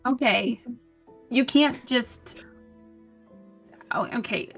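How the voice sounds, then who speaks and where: A woman's voice: a little high, very slow, creaky, slightly rough, faint music behind. A woman playing a tabletop game, blunt and sarcastic as she scolds another character. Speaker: player.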